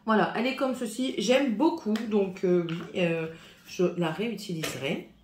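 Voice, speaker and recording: A French woman chatting casually through her monthly makeup review, hesitating often and showing each product, with a slightly rough, husky voice today. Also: mid-range voice, moderate pace, darkish tone, slight background noise. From France. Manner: chatty, hesitant, many fillers, shows products. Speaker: beauty vlogger. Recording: echoey room.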